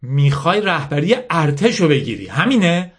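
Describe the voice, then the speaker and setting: A man's voice: fairly high pitch, big pitch swings, fairly bright tone, breathy edge, pitched above the performer's own voice, heavily acted. A man voicing a bitter, scornful teenage girl who leads an army, lecturing with hammering rhetorical questions.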